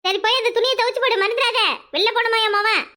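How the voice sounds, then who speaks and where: A bossy village mother-in-law, voiced by a woman in a cartoon, nagging in a Kanyakumari Tamil accent. Her voice is very high and bright, and her scolding comes fast. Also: steady tone. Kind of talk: cartoon voice acting.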